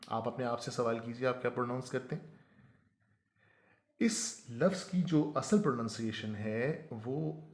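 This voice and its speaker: A man teaching a pronunciation lesson, who slows right down to spell out each word. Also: mid-range voice, a little mellow, reverberant. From Pakistan. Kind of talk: explanatory lesson.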